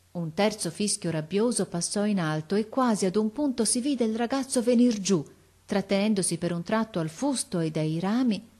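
A woman narrating a classic story in a measured, expressive reading voice. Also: medium pitch.

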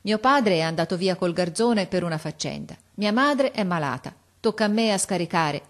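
A woman voicing a cheerful, hardworking young boy who talks in a quick, lively, chatty way in an audiobook reading. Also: fairly low pitch, natural voice. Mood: eager.

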